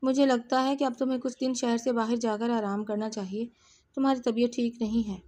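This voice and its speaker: A woman's voice: on the high side, fairly even intonation, warm tone, natural voice. A woman reading a fussing, strict mother. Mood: firm. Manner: fussing, firm. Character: worried, strict middle-aged mother. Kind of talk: novel reading.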